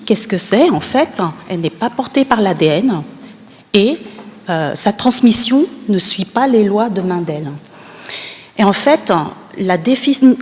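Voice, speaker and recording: A woman from Vietnam, a university lecturer, giving a scientific talk at a conference, explaining slowly with many pauses and fillers. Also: medium pitch, a little mellow. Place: conference hall at a colloquium. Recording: long reverb of a conference hall.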